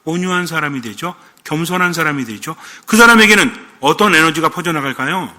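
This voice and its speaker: Bright-voiced priest in a reverberant hall. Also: male voice, fairly high pitch, animated, fairly quick. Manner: asks the congregation questions, playful asides. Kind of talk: sermon.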